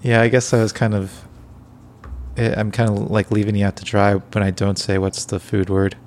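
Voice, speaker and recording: A man co-hosting a casual comedic podcast, talking in a quiet, low-key late-night way with a halting, rambling, dry joking delivery. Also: flat delivery, slight background noise. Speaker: podcast co-host.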